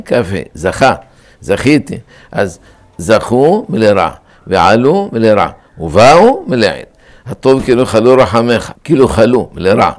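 Man teaching a Torah class. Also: lowish voice. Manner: explains Hebrew grammar, repeats words to stress them.

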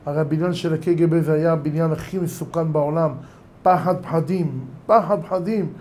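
A man's voice: fairly high pitch, fairly even intonation, a little mellow. A man preaching, telling a dramatic story to his listeners and addressing them formally. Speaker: religious preacher. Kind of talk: sermon storytelling.

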